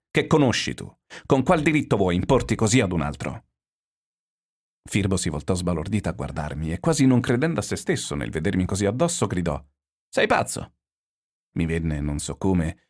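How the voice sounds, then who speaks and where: A man narrating a literary novel in a measured, expressive, introspective reading. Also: deep voice.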